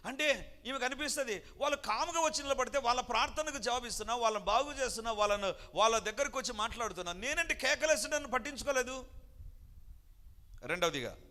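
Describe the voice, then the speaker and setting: A man preaching a sermon with a high, bright voice that swings widely in pitch. He talks emphatically and acts out the people in the story. His voice rings with long reverb. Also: animated, fast. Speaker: pastor.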